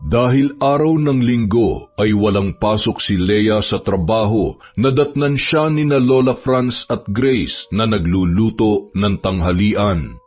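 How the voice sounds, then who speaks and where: A man narrating a horror story in a steady, measured, scripted reading. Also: on the low side. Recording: dull lo-fi with background music.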